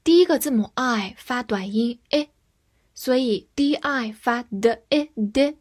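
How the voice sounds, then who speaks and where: Young chinese-speaking woman teacher, kinda high voice, spells words out slow and reads sentences real slow. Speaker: English vocabulary teacher. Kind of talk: vocabulary lesson, spelling and slow model reading.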